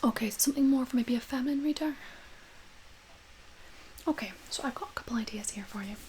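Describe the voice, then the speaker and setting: A woman doing a whispered role-play as a librarian, speaking gently and hesitantly in a soft, breathy whisper. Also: on the high side, a little hiss or hum, poor audio. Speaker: ASMR creator playing a librarian recommending books.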